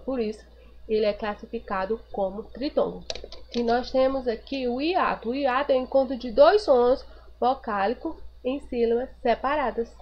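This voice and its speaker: A woman teacher giving a recorded grammar review lesson, patiently repeating each point and asking the class rhetorical questions. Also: on the high side. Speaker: primary school teacher. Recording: dull lo-fi recording with faint noise.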